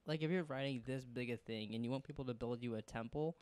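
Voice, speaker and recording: A man's voice: mid-range voice, fast, darkish tone, clear, resonant tone, dry recording. A man co-hosting a casual bedroom podcast, joking, rambling, swearing and laughing often. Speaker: podcast co-host. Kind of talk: casual chat.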